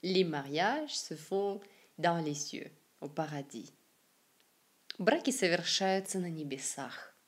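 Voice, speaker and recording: Russian-accented woman teacher, low-ish breathy voice, very slow and lively in pitch, repeats each phrase. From Siberia, Russia. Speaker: language teacher. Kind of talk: slow, careful language lesson with repeated example phrases.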